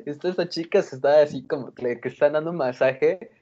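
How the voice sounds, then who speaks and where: Mexican man, co-host, breathy husky tone, casual slang-filled banter. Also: a little high, moderate pace. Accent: Mexican Spanish. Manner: animated storyteller, laughs, slangy. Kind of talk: casual chat. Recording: lo-fi recording.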